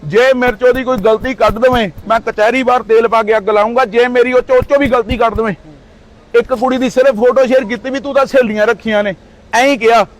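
A man's voice: very high-pitched, steady tone, quick pace. A man in his thirties from Punjab, India, speaking in a heated street interview with indignant, accusing outbursts.

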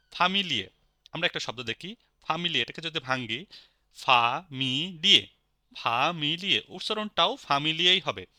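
A man with a Bangladeshi Bengali accent teaching a spoken language lesson, patiently repeating each word slowly. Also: a little high, pushed and bright, dry recording, clean studio sound.

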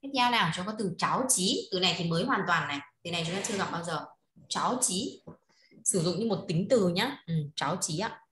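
Fast-talking woman teacher. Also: lowish voice, animated, fairly bright tone, slight background noise. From Vietnam. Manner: coaxing, repeats words, prompts students to read aloud. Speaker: Chinese language teacher. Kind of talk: online class teaching. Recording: echoey room.

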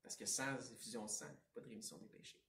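A man with a Quebec French accent preaching a Sunday sermon, swinging between emphatic outbursts and hushed asides. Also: medium pitch, steady tone, quick pace, creaky, roomy sound, recorded from a distance, a little hiss or hum. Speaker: pastor. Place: church sanctuary.

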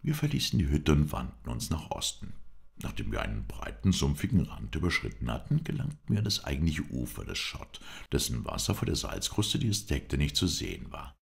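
A man narrating an adventure novel as an audiobook, in an even storytelling manner. His voice sits extremely low and is gravelly, yet his intonation rises and falls in a lively way. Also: fairly quick. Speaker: audiobook reader.

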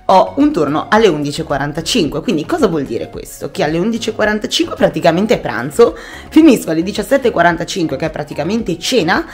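A woman in her thirties with an Italian accent, vlogging casually into a phone held at arm's length, chatty and self-mocking with sudden exclamations. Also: on the low side. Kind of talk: casual daily vlog. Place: home rooms, a car, a bathroom. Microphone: handheld camera or phone at arm's length.

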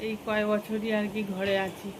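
A woman's voice: medium pitch, flat delivery, normal speed. A woman from West Bengal with a Bengali accent, chatting casually through a home vlog, rambling and filling gaps with hesitation words. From West Bengal, India. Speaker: vlogger. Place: home kitchen and balcony, festival night. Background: noise, firecrackers and street ambience.

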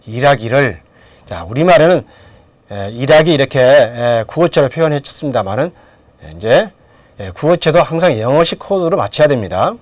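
A man's voice: medium pitch, animated, normal speed, no echo. A middle-aged man teaching English grammar in a lecture, asking questions and then answering them himself. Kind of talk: lecture with drills.

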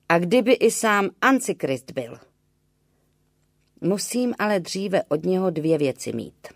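A woman's voice: lowish voice, no echo, clean studio sound, pitched above the performer's own voice. A woman voicing a stern old village wise-woman who speaks in a firm, scolding yet reassuring way.

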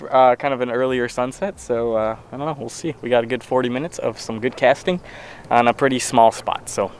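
A man in his twenties vlogging from a small boat on a lake, talking casually to an action camera strapped to his chest, excitable and quick to laugh. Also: mid-range voice, slight background noise. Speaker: fishing vlogger. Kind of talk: casual on-the-water narration.

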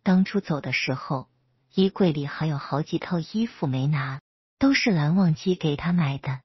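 Husky low-voiced woman storyteller. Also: expressive, moderate pace, no echo, dull audio. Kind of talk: reading romance fan fiction aloud.

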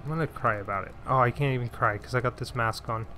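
A man's voice: mid-range voice, fast, sharp tone, a little hiss or hum. A man giving casual gameplay commentary, talking to himself and his pet as he plays, with mild frustrated sighs. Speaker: let's play gamer.

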